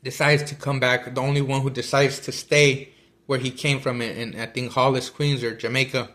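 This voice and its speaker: A man's voice: mid-range voice, level tone, normal speed, a bit bright. A man talking casually about a book he is reading, rambling with many fillers and restarts while he eats. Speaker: vlogger discussing a book. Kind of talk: casual chat.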